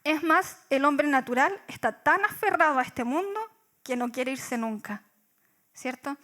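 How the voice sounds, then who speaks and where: A young woman with a Chilean Spanish accent preaching a sermon in a high voice. She talks reflectively, poses rhetorical questions and often pauses on fillers. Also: animated, fairly bright tone. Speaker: church speaker.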